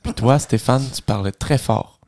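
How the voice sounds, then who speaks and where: A man's voice: medium pitch, darkish tone, close to an everyday voice. A man in an improv comedy scene, playing a tired, strict father with a Québécois accent who scolds his kids at bedtime. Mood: scolding. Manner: scolding, drawn-out. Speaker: improv performer.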